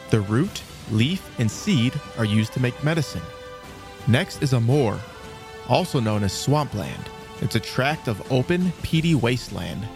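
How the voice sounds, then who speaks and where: A man with a medium-pitched voice and some vocal fry hosts and narrates a scripted children's storybook programme. He tells the story in a theatrical manner.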